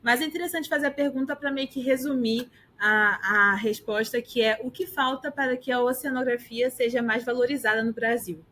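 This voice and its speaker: A woman's voice: a little high, steady tone, moderate pace, few pauses, fairly bright tone. A woman, a podcast host, casually asking a guest a question. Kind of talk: interview questions.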